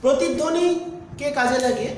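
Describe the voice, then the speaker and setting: A man's voice: very high voice, moderate pace, a little mellow. A man teaching a physics lesson, explaining step by step and asking questions he then answers himself. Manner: stepwise explaining, asks and answers own questions. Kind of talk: classroom lecture. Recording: very echoey room, faint noise.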